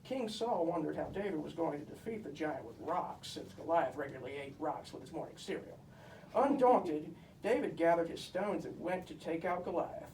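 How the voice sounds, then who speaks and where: Speaking as a self-important puppet narrator, the performer recounts comic Bible stories in a pompous, emphatic, mock-scholarly manner, bossy and boastful. His medium-pitched, darkish voice carries vocal fry and is expressive at a moderate pace. The room sounds echoey, with a distant mic and faint noise.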